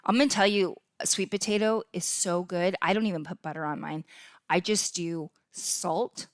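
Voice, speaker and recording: A woman's voice: on the low side, steady tone, moderate pace, dry recording, clean studio sound. A middle-aged woman hosting a fitness podcast in a casual, upbeat way, often checking in with "okay?" as she explains. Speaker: podcast host and fitness coach.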